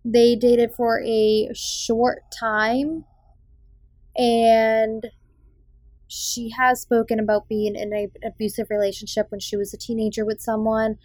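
A podcast host, young and from the South Shore of Massachusetts, reviews movies casually in a chatty, opinionated manner with frequent ums and a faint Boston accent. Her voice is on the high side, level, slow and a little mellow, recorded dry.

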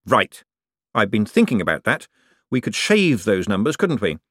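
A man voices a quick-witted rogue turned official, dry and wry. The voice stays close to the narrator's own, with an animated rise and fall. It sounds close and dry. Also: on the low side, no echo.

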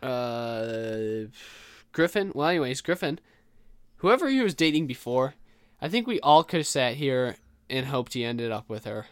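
A man's voice: medium pitch, very animated, unhurried, clear, resonant tone, no echo. A man co-hosting a podcast in casual chat, laid-back and laughing along. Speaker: podcast co-host.

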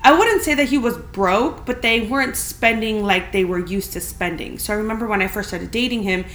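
A woman's voice: mid-range voice, brisk, a bit bright. A young adult woman hosting a casual solo podcast, talking in a chatty, candid way from a big, empty apartment that gives her voice a big echoey room sound. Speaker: podcast host. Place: spacious, empty apartment indoors. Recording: echoey room with faint background hiss.

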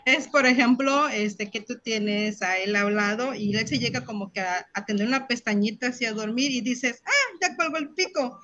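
A woman, a host mother, telling anecdotes in an animated way and acting out the voices of people she quotes. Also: a little high, normal speed, few pauses. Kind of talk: storytelling anecdotes. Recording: dull lo-fi sound.

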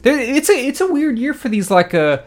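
A man's voice: extremely high pitch, sing-song, a little fast. A young man co-hosting a podcast in casual chat, rambling with many restarts. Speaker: podcast co-host.

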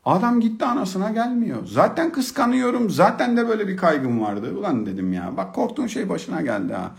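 A middle-aged man telling a humorous personal story about being a father, in an expressive, colloquial manner. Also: high-pitched, a little fast, gravelly. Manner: expressive, humorous, colloquial, swings from hushed to excited. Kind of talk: storytelling talk.

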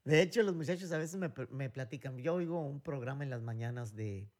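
A man's voice: medium pitch, brisk, a little mellow. Rambling Mexican man telling stories. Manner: rambling storyteller, many fillers and restarts. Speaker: podcast co-host. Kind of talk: casual chat.

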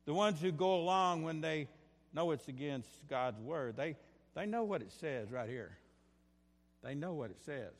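A man preaching a sermon as pastor, impassioned, swinging between bursts of fervor and quieter asides, often repeating his phrases. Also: fairly high pitch, lively intonation, unhurried, big-room sound. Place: church sanctuary.

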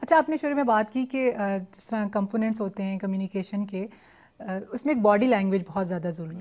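A woman's voice: medium pitch, darkish tone. A woman hosting an interview, chatting and posing questions to her guest while mixing English phrases into her speech. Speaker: interview host.

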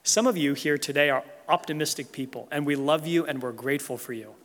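A man preaching an Easter sermon, earnest and emphatic, slowing down to stress key phrases. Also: a little high, fairly bright tone. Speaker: pastor. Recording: long reverb of a large hall.

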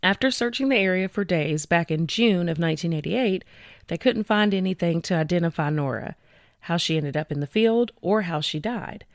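A woman's voice: on the low side, animated, dry recording, clean studio sound. A woman co-hosting a true-crime podcast, talking through cases in a casual, chatty way. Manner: conversational, chatty with fillers, reads details slowly. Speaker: podcast co-host presenting cases.

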